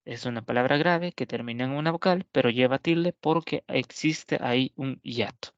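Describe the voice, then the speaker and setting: A male teacher giving an explanatory grammar lesson, asking rhetorical questions, answering them himself, and saying example words slowly. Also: mid-range voice, no echo. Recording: dull lo-fi dry recording.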